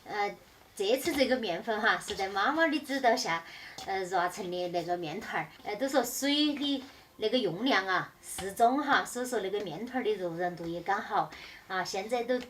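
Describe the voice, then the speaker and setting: A young woman talks in Sichuan dialect at an average pitch, casually explaining as she cooks for a vlog. She sounds a little away from the mic, with faint noise around her. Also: animated, moderate pace, a bit bright, distant mic. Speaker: vlogger, daughter-in-law cooking. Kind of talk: casual vlog narration and chat.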